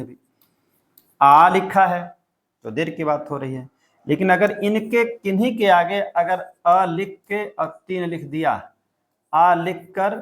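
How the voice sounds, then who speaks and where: A male teacher giving an exam-prep lecture, explaining step by step and repeating key points. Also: a little high.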